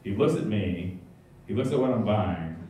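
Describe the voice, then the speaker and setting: A young male stand-up comic telling a rambling, self-mocking story, his pitch swinging up and down as he goes. He is heard from some way off through a stage mic, in a very echoey theater. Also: animated, moderate pace, warm tone, recorded from a distance. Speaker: stand-up comedian. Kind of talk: stand-up comedy set. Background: audience laughter.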